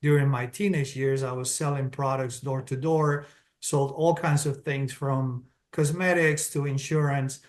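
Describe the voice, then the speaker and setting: Speaking a little slowly at medium pitch, a middle-aged interview guest from Colombia, with a Colombian Spanish accent, answers by laying out his points in sequence, steady and businesslike, explaining step by step.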